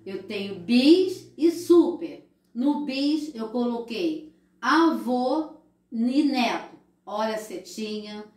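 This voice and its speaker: Brazilian woman primary teacher, middle-aged, slightly high voice, very slow and patient delivery, echoey room. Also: expressive, darkish tone. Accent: Brazilian Portuguese. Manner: slow, patient, drawn-out explaining to children. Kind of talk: recorded remote class lesson.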